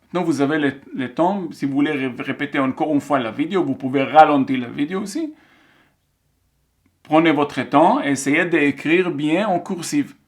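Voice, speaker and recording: Male language teacher, patient and methodical, slightly higher voice. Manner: patient, slow, explains step by step. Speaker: Hebrew teacher. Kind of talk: online language lesson, dictation.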